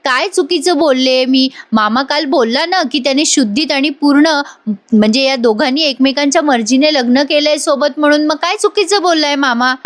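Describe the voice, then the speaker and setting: A woman's voice: sits high, normal speed, close to an everyday voice. A woman reading the lines of an outspoken, cheeky teenage girl as she recaps a TV episode. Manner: blunt, teasing. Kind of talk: retold dialogue in a TV episode recap.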